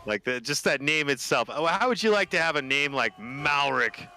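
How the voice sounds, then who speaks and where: A man's voice: a little high, lively intonation, normal speed, noisy background. A man hosting a live gaming stream, chatting casually and joking. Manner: joking, laid-back. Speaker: streamer host. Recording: game music behind.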